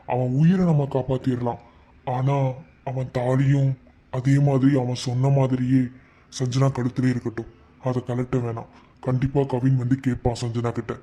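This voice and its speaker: A man voicing an earnest young friend in a cartoon drama, speaking calmly and pleadingly. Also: mid-range voice, close to an everyday voice.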